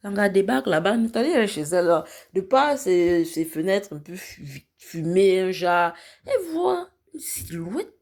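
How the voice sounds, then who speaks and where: A woman tells a story in a casual vlog, her voice sitting at an ordinary middle pitch. She talks in an animated way, acting out the people she describes. Now and then she slips into English phrases. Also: moderate pace. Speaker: reality show recap vlogger.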